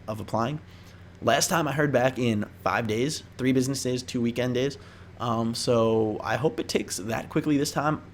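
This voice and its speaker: Here a young vlogger chats casually about interview tips, wandering and slangy in his delivery. He speaks at medium pitch, and there's a bit of background noise.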